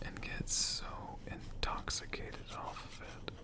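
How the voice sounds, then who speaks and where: In a hushed whisper, a channel host who does ASMR storytelling draws out a tale slowly, with pauses and repeated words.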